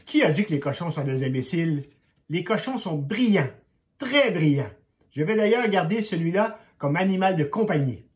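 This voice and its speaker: A man's voice: lively intonation, normal speed, close to an everyday voice. An older man voicing a stubborn, cheeky little farm girl in a storybook reading, in a raised girlish voice. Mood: proud. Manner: high, shouty girlish voice.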